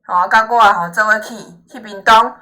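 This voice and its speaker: Teaching a student in an informal lesson, a woman with a Taiwanese Hokkien accent sounds encouraging and reassuring, often ending points with little questions to check agreement. Her mid-range voice is bright and forceful, with fairly even intonation and a moderate pace.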